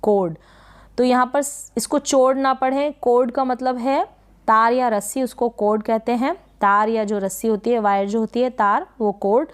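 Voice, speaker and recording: A woman's voice: on the high side, fairly even intonation, moderate pace, smooth. A woman teaching English spelling and pronunciation, patiently repeating each word and asking rhetorical questions.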